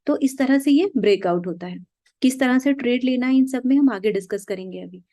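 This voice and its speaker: A woman with a fairly high, mellow voice teaches stock trading. She talks patiently while pointing out things on a chart, and she keeps asking herself questions and then answering them. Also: brisk. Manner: patient, repeats "okay" and asks herself questions. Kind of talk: explaining trading concepts over charts.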